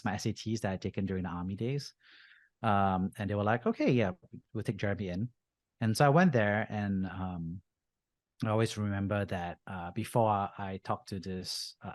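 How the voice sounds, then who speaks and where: A fairly low-pitched man in his thirties from Singapore, a venture capitalist, recounts his story as a podcast guest on a dry recording. His easygoing interview storytelling is filled with frequent "uh" and "you know" fillers.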